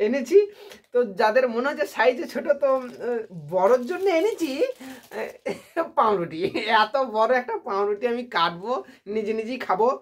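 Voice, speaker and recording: A man's voice: extremely high pitch, a bit bright. A man vlogging casually to his viewers, chatty and self-mocking, often laughing at himself. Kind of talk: casual comedic vlog.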